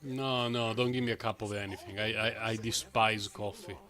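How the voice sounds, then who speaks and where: A man's voice: fairly low pitch, steady tone, normal speed, sharp tone, soft background music. Chatty male game streamer. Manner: rambling, self-amused, chuckles often. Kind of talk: casual live-stream chat.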